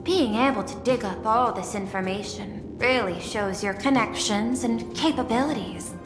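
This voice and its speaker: An actress playing a cool, calculating artificial intelligence chief executive in a game, formal, composed and precise, with a dry teasing edge. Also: female voice, a little high, moderate pace, reverberant, big-room sound, music in the background, close to an everyday voice. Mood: dryly teasing. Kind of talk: dramatic game voice acting.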